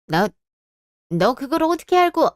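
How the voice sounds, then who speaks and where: A woman's voice: high voice, sing-song, measured pace, no echo, studio quality. A woman voicing a haughty, indignant middle-aged mother-in-law who scolds sharply in a radio drama.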